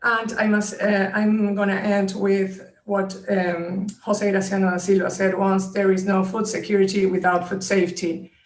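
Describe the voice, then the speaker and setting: A woman's voice: mid-range voice, level tone, normal speed, hardly any pauses. A woman from Peru finishing a webinar presentation, earnest and emphatic. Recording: echoey distant call audio.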